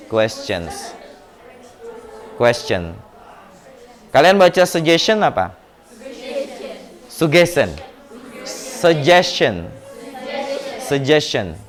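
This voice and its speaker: A man's voice: mid-range voice, expressive, slow, pauses often. A male English teacher with an Indonesian accent, explaining patiently in class and repeating words to drill pronunciation. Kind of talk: classroom lesson.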